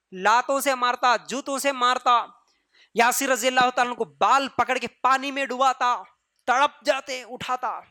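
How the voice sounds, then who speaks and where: A man with a Deccani Urdu accent giving an animated religious storytelling lecture, quizzing listeners and repeating phrases for emphasis. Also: very high-pitched, no room sound, studio quality. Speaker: preacher.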